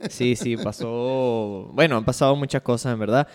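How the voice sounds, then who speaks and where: Guy cohosting a sports podcast, mid pitch, laid back, lots of ums, room echo behind him. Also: moderate pace, clear, resonant tone. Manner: easygoing, many fillers and restarts. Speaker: podcast co-host and editor. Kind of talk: casual chat. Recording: reverberant room.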